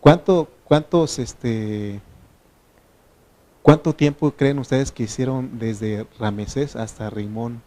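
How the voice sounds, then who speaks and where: Slow-talking pastor teaching a Bible study. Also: male voice, mid-range voice, mellow. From Mexico. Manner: slow, questioning the congregation often. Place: church meeting room.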